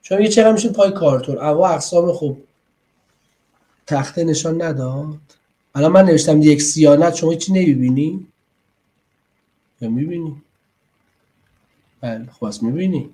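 A man's voice: on the high side, pauses often, dark tone. A man teaching parents in an online class over a computer mic. He explains in a conversational way and often checks in with his listeners. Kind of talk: online lecture.

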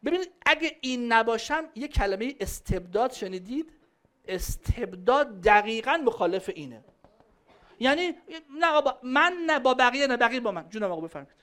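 A woman giving a lively religious lecture on family and parenting to a live audience. She speaks conversationally and answers questions from the audience. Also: on the high side. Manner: emphatic, conversational, acting out quoted voices.

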